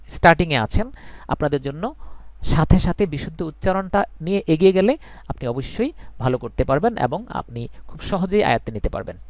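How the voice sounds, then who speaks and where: Man, fairly high voice, earnest live-class English tutor, reassuring. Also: darkish tone, no room sound. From Bangladesh. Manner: earnest, reassuring, repeats points for emphasis. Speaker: English teacher.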